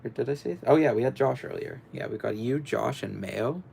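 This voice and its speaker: A little hiss or hum runs under a young livestream host chatting while he builds. His deep, gravelly voice is a little mellow and brisk, and he rambles hesitantly, restarting often and filling gaps with filler words.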